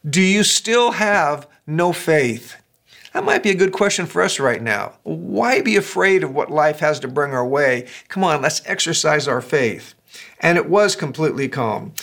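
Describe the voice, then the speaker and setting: An older man, a pastor, preaching a sermon in a conversational, animated way with quick asides. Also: on the high side, vocal fry.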